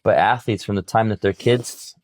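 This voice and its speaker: A man's voice: fairly low pitch, moderate pace, dry recording, clean studio sound. A middle-aged man co-hosting a podcast, talking reflectively and motivationally in casual chat. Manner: reflective, motivational, uses sports examples. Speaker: podcast co-host.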